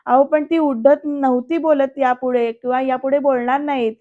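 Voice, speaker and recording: A woman voicing a gentle, patient woman teacher who pleads softly, in a dull, lo-fi recording. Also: sits high, fairly even intonation, moderate pace, natural voice. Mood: pleading. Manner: soft, pleading.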